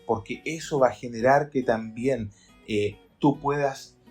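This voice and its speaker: A pastor talks earnestly on a Bible podcast, often acting out the verses he reads. His voice sits at an ordinary middle pitch. Faint guitar music runs behind him. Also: unhurried, a little mellow. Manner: earnest, explains by acting out readings.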